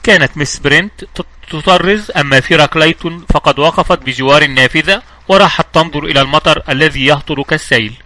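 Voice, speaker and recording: A man narrating an audiobook in a brisk, flowing reading. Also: on the high side, pushed and bright.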